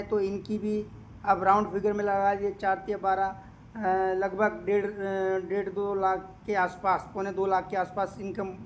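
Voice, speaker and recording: A man walking viewers through a screen of earnings and doing the sums aloud, repeating the figures and pausing often to hesitate. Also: high voice, a little hiss or hum. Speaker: crypto income promoter. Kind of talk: screen-share walkthrough with running calculations.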